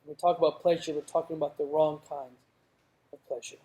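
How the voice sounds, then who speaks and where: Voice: medium pitch, little pitch movement, fairly quick, dark tone. A youth pastor preaching a sermon in a conversational way that rises to emphatic moments. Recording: roomy echoing hall.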